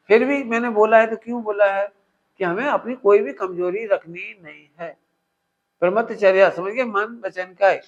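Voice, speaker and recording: A man giving a spiritual discourse, animated, illustrating with everyday household examples and quizzing his listeners with call-and-response questions. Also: high-pitched. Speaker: religious teacher. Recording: dull lo-fi recording.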